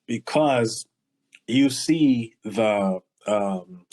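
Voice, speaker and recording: A man's voice: lowish voice, lively intonation, extremely slow, a little mellow, poor audio. A man from the Los Angeles area co-hosting a podcast, speaking in a heartfelt and thoughtful way. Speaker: podcast co-host. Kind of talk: casual podcast conversation.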